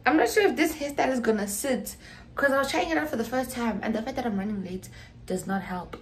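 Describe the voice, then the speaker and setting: A young adult South African woman, a student vlogger, chats casually to her phone camera held at arm's length in a small dorm room, rambling and slipping into whispered asides. Her voice is a little high and fast, with a faint hiss or hum in the recording.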